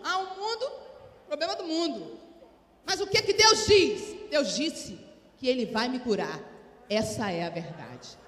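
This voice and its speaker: A woman with a Brazilian Portuguese accent preaching a sermon to women, often calling for responses from the congregation, her voice swinging between soft and loud. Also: slight background noise. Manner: calls for audience responses; animated, sudden rises in pitch and volume. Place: church hall. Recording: echoey hall with long reverb.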